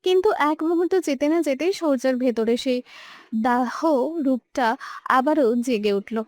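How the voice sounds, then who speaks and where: A woman's voice: high-pitched, unhurried, dry recording. A young woman narrating a romantic audio story with emotive, dramatic delivery. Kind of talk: scripted narration.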